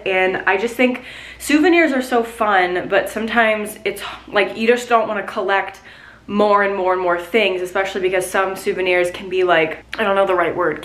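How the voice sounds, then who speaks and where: A woman's voice: mid-range voice, fairly bright tone. A young woman from Virginia chatting casually to camera in her bedroom, rambling with lots of "like" as she talks through her day. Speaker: vlogger. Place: small bedroom at home, indoors. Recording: roomy, slightly distant home recording.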